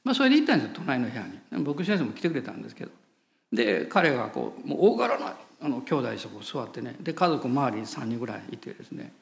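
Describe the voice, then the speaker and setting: A male pastor with a Kansai lilt preaches and tells stories from the pulpit. His pitch swings widely as he animates the tale, and he laughs at himself along the way. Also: very animated, quick pace, vocal fry. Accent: Kansai Japanese. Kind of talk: sermon with storytelling.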